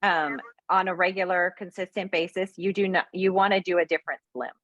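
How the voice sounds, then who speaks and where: A woman's voice: fairly low pitch, fairly even intonation, a little fast, a bit bright, no echo, lo-fi sound. A woman presenting products in a chatty, frank talk full of fillers. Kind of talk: casual sales talk.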